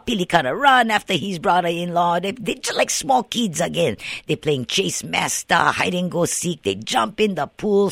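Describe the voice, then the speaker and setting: A man telling a ghost story in a Hawaiian Pidgin accent, lively and dramatic. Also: fairly high pitch, vocal fry, no room sound, clean studio sound.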